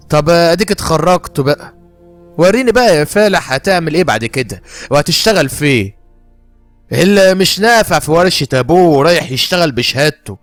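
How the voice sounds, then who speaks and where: A man's voice: on the high side, no echo, voice pushed down, natural voice. A harsh, contemptuous Egyptian workshop father, played by a man, with an Egyptian Arabic accent and a mocking, sarcastic drawl. The close, dry voice sits over faint music. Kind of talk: horror story narration.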